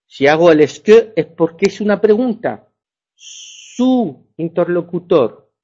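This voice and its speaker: A man's voice: fairly high pitch, darkish tone, slightly rough. Man teaching in a lo-fi recording. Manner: explanatory, checks understanding with "ya". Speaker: French teacher. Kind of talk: classroom lecture. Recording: dull lo-fi sound.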